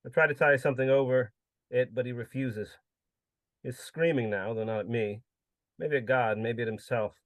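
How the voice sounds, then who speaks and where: A man's voice: medium pitch, fairly even intonation, moderate pace, dry recording. Man reading literary prose, solemn. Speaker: contributor reading his story.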